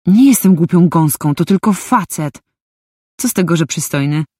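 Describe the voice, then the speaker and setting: A woman's voice: on the low side, animated, normal speed, dark tone, slightly rough, no echo, studio quality. A woman reading a first-person story aloud, with a wry, inner-monologue manner. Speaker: audiobook narrator.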